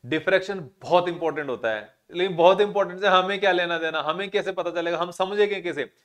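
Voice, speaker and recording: A man's voice: high voice, fast talker, fairly bright tone. A male physics teacher, giving a classroom lecture and explaining through rhetorical questions and everyday examples.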